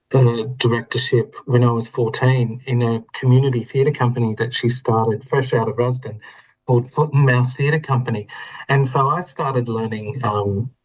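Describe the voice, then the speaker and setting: In a casual interview with poor audio, a middle-aged Australian man with a medium-pitched voice tells his story as a guest. He's reflective, laughs now and then, and keeps restarting his sentences.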